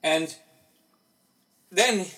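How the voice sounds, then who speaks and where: A man's voice: high voice, very slow, sharp tone, low-quality recording. A man preaching a sermon in a conversational way, asking rhetorical questions as he goes.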